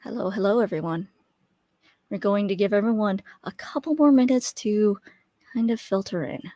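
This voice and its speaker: A woman's voice: medium pitch, normal speed, mellow, dry recording, studio quality. A young woman hosting a live webinar, chatting casually on a USB desk mic with lots of fillers and restarts while waiting for viewers to arrive. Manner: chatty, friendly, filler-heavy with frequent restarts. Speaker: webinar host. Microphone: USB desk microphone.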